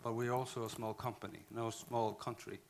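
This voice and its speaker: Speaking English with an Icelandic accent at a conference, the man has a creaky mid-range voice with fairly even intonation, and the audio carries a little hiss or hum. He hesitates, repeatedly restarting and fixing what he says.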